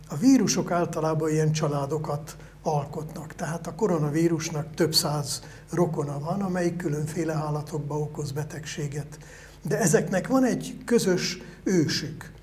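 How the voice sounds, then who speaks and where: Older male scientist guest, slightly raised pitch, calm explanatory delivery with thinking pauses. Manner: measured, explanatory, pauses to search for words. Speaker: virologist guest. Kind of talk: explanatory interview answers.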